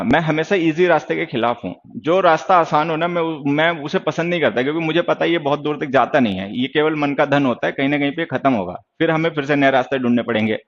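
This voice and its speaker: A man's voice: on the high side, muffled recording. A man teaching English grammar in Hindi during an online class, lecturing sternly and answering viewers' questions.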